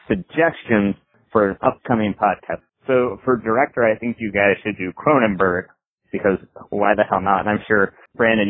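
A man's voice: on the low side, dry recording. Give me a man on a worn, tinny voicemail recording. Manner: runs through a list of points, loose and unrehearsed. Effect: lo-fi voicemail recording, like a worn tape. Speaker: caller. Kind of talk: casual voicemail message. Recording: tinny, dry phone-line voicemail.

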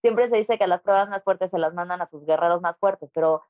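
Mexican yoga teacher lady, rapid and emphatic, low-ish voice, tinny phone sound. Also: no room sound. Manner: emphatic and conversational. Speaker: guest, Kundalini yoga teacher. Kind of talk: casual interview talk.

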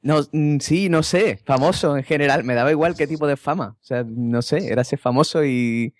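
A man, chatting casually on a podcast and telling stories in a lively way, often repeating words. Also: fairly high pitch, moderate pace, dry recording, studio quality. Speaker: podcast co-host. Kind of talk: casual anecdote-telling chat.

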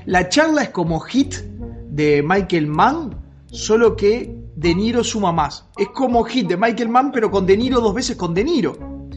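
A podcast co-host in casual banter, deadpan and confidently enthusiastic. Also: mid-range voice, unhurried, faint music behind.

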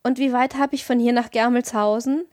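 Bewildered young traveler voiced by a woman, audiobook, pitched up, urgent questions, dry close sound. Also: steady tone, a little fast, darkish tone, dry recording, lightly acted. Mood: eager. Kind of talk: audiobook reading.

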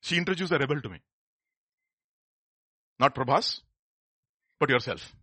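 A man's voice: mid-range voice, lively intonation, normal speed, bright, forceful tone, breathy edge, no room sound. A middle-aged man with an Indian accent preaching a sermon in a conversational way, putting questions and repeating phrases for emphasis. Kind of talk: animated sermon.

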